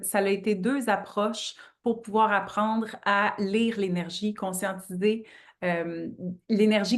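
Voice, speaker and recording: Québécois woman, 30s, interview guest, steady mid voice, thoughtful answers with fillers. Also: mid-range voice. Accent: Québécois French. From Quebec, Canada. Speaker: astrologer guest.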